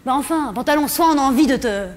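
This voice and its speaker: A woman's voice: high-pitched, lively intonation, fast. A woman in her forties performing crude, exasperated stand-up comedy on a concert hall stage into a handheld mic. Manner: brash, crude, exasperated rants. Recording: noisy live theater recording.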